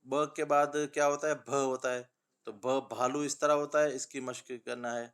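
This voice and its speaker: A patient male teacher walks children through letters and word lists in a steady sing-song. He asks his own questions and answers them, speaking a tinge. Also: medium pitch, clear, resonant tone. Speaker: Urdu teacher. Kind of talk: children's reading lesson.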